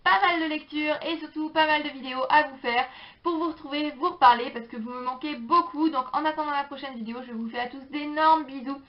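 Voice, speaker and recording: A woman's voice: high voice, brisk. Chatty young woman, slightly muffled recording. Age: young adult. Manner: chatty, hesitant, many fillers. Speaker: book vlogger. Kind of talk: casual chat. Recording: slightly dull lo-fi sound.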